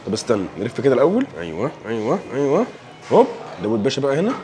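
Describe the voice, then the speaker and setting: Fast-talking Egyptian man reviewing food. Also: mid-range voice, wildly swooping pitch, mellow, soft background music. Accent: Egyptian Arabic. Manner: playful, joking, enthusiastic tasting remarks. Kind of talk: casual food review vlog.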